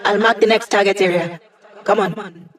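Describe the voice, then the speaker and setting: A woman's voice: medium pitch, steady tone, moderate pace, fairly bright tone, lightly acted. A woman playing a quirky, upbeat young female AI hacker in a video game, with a playful, wry, conversational delivery. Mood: confident, helpful. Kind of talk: scripted video game character dialogue.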